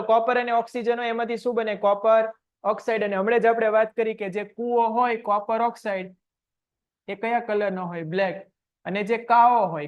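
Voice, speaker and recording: A man teaches a science lesson online. He fires short questions at the class and answers them himself in a steady drilling rhythm. The audio is dull and lo-fi. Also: high-pitched.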